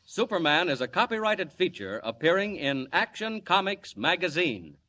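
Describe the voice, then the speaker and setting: Brief: male serial announcer, 1940s style, booming and forceful, high and animated. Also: normal speed, muffled recording, slight background noise. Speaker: announcer and narrator. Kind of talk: 1940s radio serial narration.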